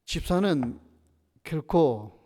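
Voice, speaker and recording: Male pastor, Sunday sermon, spirited storytelling and rhetorical questions, slightly high voice, long church echo. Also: expressive, drawn-out words, dark tone. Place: church sanctuary. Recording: reverberant church sanctuary.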